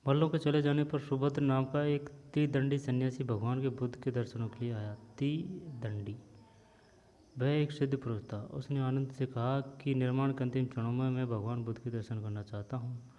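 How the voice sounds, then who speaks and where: Male teacher reading a lesson aloud, dark mellow tone, long reverb on a dull lo-fi recording. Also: mid-range voice, steady tone. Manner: reads steadily, pauses to explain words. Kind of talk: reading a story aloud with explanations.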